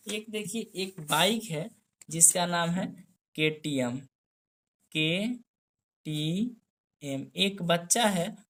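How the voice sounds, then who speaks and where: Slow, patient woman teaching grammar. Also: fairly low pitch. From India. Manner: slow, patient, repeats points and quizzes the listener. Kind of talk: classroom-style lesson.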